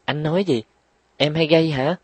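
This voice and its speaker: A spoiled little girl whines and talks back in a high, pouty voice, a man putting her on for an audiobook. Her retorts come quick and cheeky, recorded close and dry. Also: husky, dry recording. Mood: sassy. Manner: whining, sassy, quick retorts. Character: bratty, whiny little girl.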